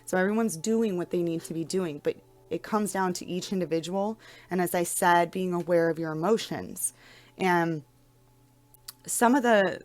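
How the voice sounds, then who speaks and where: A young adult woman talking casually about spirituality in a soft-spoken way, often repeating words and restarting her sentences. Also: lowish voice. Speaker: spiritual vlogger. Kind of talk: casual spiritual talk to camera.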